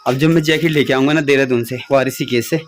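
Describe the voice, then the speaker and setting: A man's voice: medium pitch, fairly even intonation, fast talker, a little hiss or hum. A young man, rambling casually about home and village life in his vlog. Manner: chatty, rambling, laughs at himself. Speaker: vlogger.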